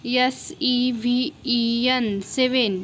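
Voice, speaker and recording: Higher-voiced Maharashtrian woman explaining to a child. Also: fairly even intonation, drawn-out words, a bit bright, slight background noise. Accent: Maharashtrian Indian. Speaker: teacher presenting a spelling lesson for children. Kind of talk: children's spelling lesson.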